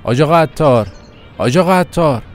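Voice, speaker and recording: A man's voice: deep voice, a little mellow, soft background music, natural voice. A man doing an easygoing taxi driver. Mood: shouting. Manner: easygoing, chatty. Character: friendly middle-aged male taxi driver.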